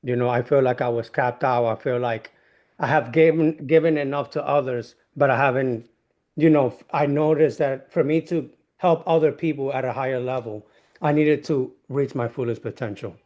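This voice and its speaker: A man's voice: mid-range voice, darkish tone. Dominican-accented guy from new york, guest on a chat, earnest, keeps stopping and restarting. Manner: halting, many fillers and restarts, earnest. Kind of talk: interview conversation.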